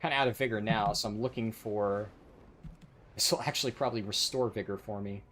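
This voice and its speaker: A man's voice: on the low side, steady tone, a little fast, a bit bright. A man chatting casually and sardonically as he commentates on his gaming livestream. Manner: sardonic, sweary. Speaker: live streamer, speedrunner.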